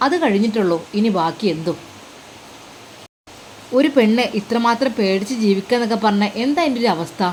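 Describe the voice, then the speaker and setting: A woman voicing a caring older mother figure who speaks calmly and protectively. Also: fairly high pitch, brisk, long pauses, a little hiss or hum, lightly acted, poor audio. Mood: protective earnest.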